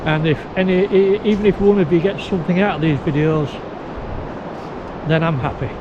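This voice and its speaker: This man's voice sits on the high side and moves a little fast as he vlogs to camera outdoors on a windy beach. Pain from a recent tooth extraction and new teeth make his words sound hampered, like someone with toothache. Wind and noise leave the recording muffled.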